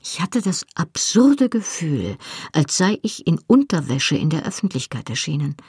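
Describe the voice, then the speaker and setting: Husky, dry audiobook narrator. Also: medium pitch, big pitch swings, normal speed, darkish tone, no echo. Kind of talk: first-person audiobook narration.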